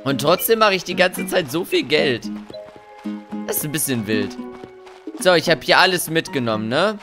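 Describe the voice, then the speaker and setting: Chatty German gaming host, lively voice. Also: male voice, a little high, moderate pace. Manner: chatty, jokey, talks to viewers. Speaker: let's play host. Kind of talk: casual gameplay commentary. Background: game music.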